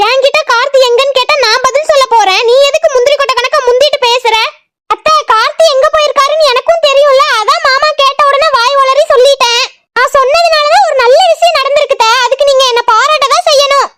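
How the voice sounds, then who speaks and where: A woman voicing a cheeky, sharp-tongued young daughter-in-law in a cartoon, with a southern Tamil Nadu accent and quick sassy retorts. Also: very high voice. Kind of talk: cartoon voice acting.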